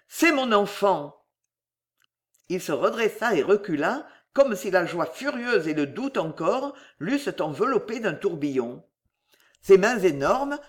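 A narrator giving a dramatic, expressive reading of a classic novel. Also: mid-range voice.

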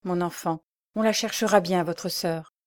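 A woman voicing a gentle, troubled middle-aged countess in an audiobook, with a soft, hushed, measured delivery. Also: on the low side, fairly even intonation, close to an everyday voice. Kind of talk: audiobook character reading.

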